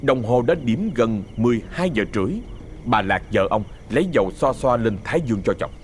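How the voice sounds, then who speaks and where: A man's voice: mid-range voice, lively intonation, a little fast, slight background noise. A man narrating a ghost story with a Southern Vietnamese accent, in a dramatic, suspenseful manner.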